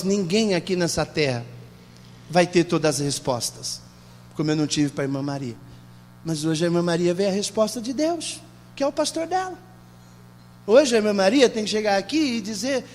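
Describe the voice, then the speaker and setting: A middle-aged Brazilian man preaching as pastor in a church, fervent, moving from tearful murmurs to shouted declarations. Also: very high voice. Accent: Brazilian Portuguese. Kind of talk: emotional Pentecostal-style sermon. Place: church sanctuary. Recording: reverberant church hall, faint hum.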